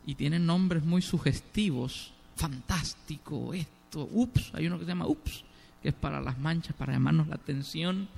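A man's voice: a little high, creaky, a little mellow. A middle-aged man preaching a sermon, asking the congregation questions and leaning hard on key words.

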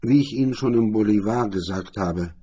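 A man's voice: lowish voice, normal speed, warm tone, husky. Man doing a defiant young actress. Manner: clipped and defiant.

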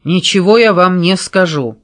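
Audiobook suspect voiced by the reader: a sullen, stubborn man with curt replies and a slightly high, dry-sounding voice. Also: normal speed, fairly bright tone, no echo.

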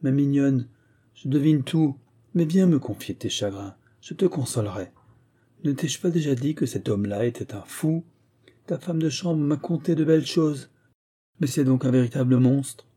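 A man's voice: medium pitch, normal speed, warm tone, breathy edge, voice pushed up, close to an everyday voice. A man putting on a fussy old mother. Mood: fussing. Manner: chattering, fussy.

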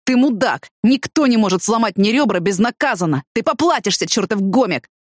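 A woman's voice: medium pitch, expressive, brisk, no echo, voice pushed up, natural voice. A woman doing a hurt, cursing young thug. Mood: angry. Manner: panting, cursing. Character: injured young male thug, angry and foul-mouthed.

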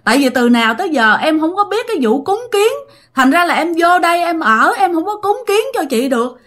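Frightened young woman begging for mercy, high and pleading, as a woman storyteller puts her on, Southern Vietnamese accent. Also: sing-song, fairly quick, a bit bright, heavily acted. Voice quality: pleading, breathless.

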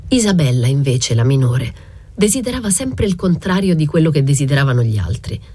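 Low, dark-voiced woman reading a novel. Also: breathy edge. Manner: measured, even reading. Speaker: audiobook reader. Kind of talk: scripted literary narration.

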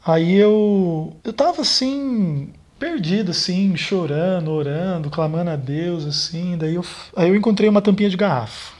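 A man, a pastor, telling a therapist a painful personal story in a halting way and repeating words as he goes. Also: high-pitched, a little mellow. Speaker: pastor speaking as a therapy client. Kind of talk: personal account in a therapy session.

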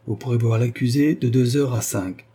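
A man's voice: medium pitch, normal speed, warm tone, breathy edge, pitched above the performer's own voice, lightly acted. A man reading the lines of a stern prison director who answers curtly by the rules. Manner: curt, formal. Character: stern male prison director, rule-bound.

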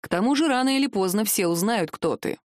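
A woman voicing a calm, gloomy male warlock who speaks unflappably. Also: mid-range voice, quick pace, no echo, studio quality, natural voice. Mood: unflappable. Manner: unflappable, cool.

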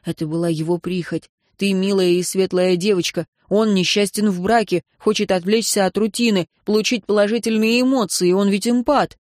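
A woman's voice: mid-range voice, fairly even intonation, darkish tone, no echo, studio quality, natural voice. Woman reading as a stubborn protective man. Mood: earnest. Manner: measured, grumbling, hesitant at times. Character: protective young nobleman, stubborn. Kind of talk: audiobook character reading.

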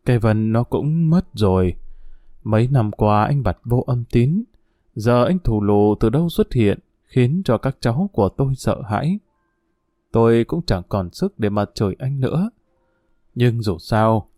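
A man voicing a weary, stern yet tender old grandmother in an audiobook, with a lowered, tired delivery. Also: expressive, measured pace, dark tone, no echo, studio quality. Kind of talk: audiobook character voice.

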